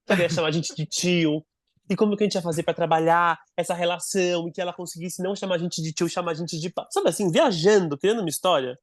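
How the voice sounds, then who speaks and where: A man telling a personal story in a casual podcast conversation. He is animated, and he often restarts and repeats words as he goes. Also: high-pitched, fast talker, no room sound, studio quality. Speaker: podcast guest, adoptive father.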